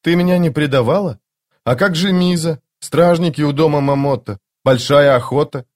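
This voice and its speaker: Guy voicing a young thief, defiant, a bit higher than his normal voice, storybook reading. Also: normal speed, a little mellow, natural voice. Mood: agitated. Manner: agitated, defiant. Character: young male street thief, proud and touchy.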